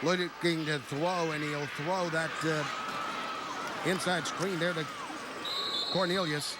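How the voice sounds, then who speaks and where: A man's voice: a little high, fairly even intonation, takes it slowly, heavy background noise. A man calling live football play-by-play from a stadium broadcast booth. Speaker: play-by-play announcer.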